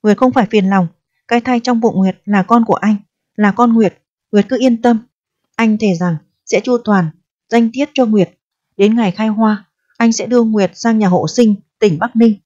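In a storybook reading, a woman voices an evasive, self-serving young lover who coaxes and schemes, first coaxing, then turning coldly calculating. Her natural voice is a little high and darkish, at a moderate pace. The audio is dull and dry.

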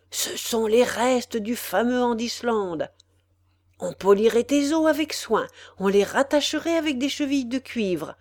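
A woman voicing a cruel, greedy male executioner who haggles over a body, with haughty, loud outbursts. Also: a little high, dry recording, clean studio sound.

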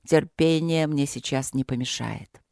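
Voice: mid-range voice, a little slow, vocal fry, a little mellow, dry recording. Tense wry young duke, mutters a bit, read out by an audiobook narrator, dry sound. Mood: strained. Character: strained young male duke.

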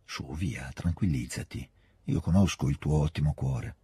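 A man reading aloud, voicing a smooth, scheming older nobleman who coaxes in a soft, hushed way. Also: deep voice, expressive, normal speed, no echo, studio quality, heavily acted. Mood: coaxing. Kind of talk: audiobook reading.

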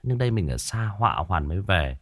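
A man's voice: low-pitched, brisk, dry recording, clean studio sound. A man hosting a ghost-story show, chatting with listeners and reminiscing in a loose, repetitive way. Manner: chatty, animated when reminiscing, many repetitions. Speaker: ghost story podcast host. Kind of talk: casual reflective storytelling to listeners.

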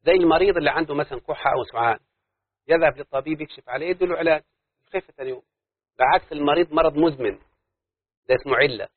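A husky, slightly high-voiced man with an Egyptian accent teaches a class, checking again and again that his students understand. The sound is dry and narrow like a phone line. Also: rapid-fire, long pauses, no echo. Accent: Egyptian Arabic. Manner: keeps quizzing the class, asking if they follow. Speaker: teacher of Arabic prosody. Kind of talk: classroom lesson.

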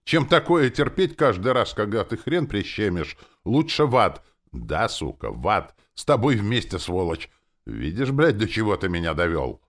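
A man's voice: rumbling low, huge pitch swings, slow pace, heavily acted. A man voicing a foul-mouthed, sulky female demon who snaps and grumbles, read aloud in an audiobook. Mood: furious. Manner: swearing, snapping, grumbling.

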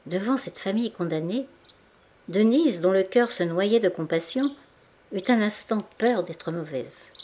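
Brief: woman audiobook reader, measured and expressive, mid-range voice, scripted narration. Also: mid-range voice.

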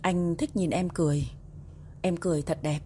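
A quiet, devoted husband from a romance audiobook speaks gently and softly. A woman voices him in a low, warm register with a mellow tone. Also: steady tone, normal speed, a little hiss or hum, natural voice. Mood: tender. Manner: soft-spoken, gentle.

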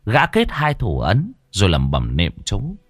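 A man's voice: lowish voice, wildly swooping pitch, a little slow, no echo, clean studio sound. A man narrating a scripted horror story in a dramatic storytelling manner.

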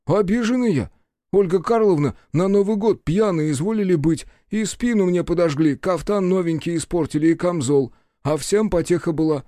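A shrill young clerk, eager to please but quick to sulk, as a man reads him in an audiobook. His voice is pitched high above the narrator's own and carries loud and keen. The recording is dry and close. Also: no echo, close to an everyday voice. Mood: aggrieved. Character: young male clerk, eager, touchy, grumbling.

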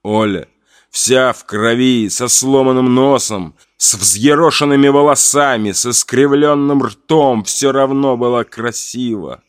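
A man's voice: mid-range voice, measured pace, clear, resonant tone, dry recording, clean studio sound. A man reading a first-person horror audiobook in a somber, tense storytelling manner. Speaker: audiobook narrator.

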